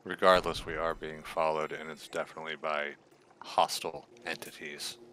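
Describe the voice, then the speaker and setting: A man voicing a wary, suspicious male adventurer who speaks low and urgently in a tabletop game. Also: little pitch movement, normal speed, sharp tone, slight background noise.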